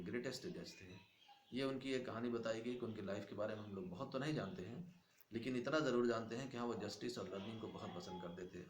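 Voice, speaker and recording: A man teaching an English class, reading each English line slowly and then explaining it at length. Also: medium pitch. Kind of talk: classroom lesson explaining a text. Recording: echoey room, faint background noise.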